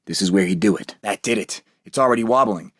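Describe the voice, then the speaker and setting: A man acts out a heroic young American wartime captain for a video game. His voice is a little husky and recorded close and dry. He sounds resolute, with a dry wisecracking edge. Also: on the low side, quick pace, no echo, natural voice. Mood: focused, determined. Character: brave, determined young American super-soldier captain in wartime. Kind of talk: scripted video game voice lines.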